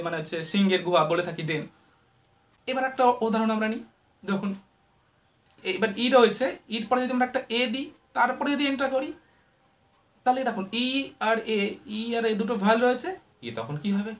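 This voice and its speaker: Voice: medium pitch, moderate pace, pauses often. A pronunciation teacher explaining step by step, often asking questions and mixing two languages, with playful asides. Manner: playful, gives vowels human traits; switches often between Bengali and English. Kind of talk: online pronunciation lesson.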